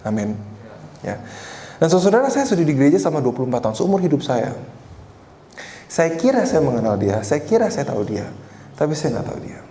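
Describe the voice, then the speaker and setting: This young preacher, in his twenties, has a mellow voice that sits on the high side, and he talks a little fast with lots of animation. He tells a personal story in a conversational sermon, frequently addressing the congregation directly, recorded in a church hall that echoes, with faint noise.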